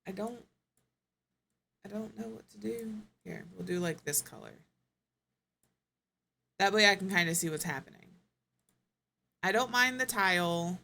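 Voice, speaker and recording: A woman's voice: mid-range voice, a little slow, vocal fry, long pauses, sharp tone, slight background noise. A woman streamer giving casual live gameplay commentary, thinking aloud, musing and correcting herself as she goes.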